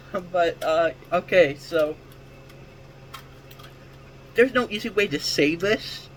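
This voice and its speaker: Guy with a high voice yapping solo about wrestling, rambly, keeps restarting lines. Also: extremely slow, a little hiss or hum, rough recording. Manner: rambling, self-correcting, full of restarts. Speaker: wrestling podcast host. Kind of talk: casual solo commentary.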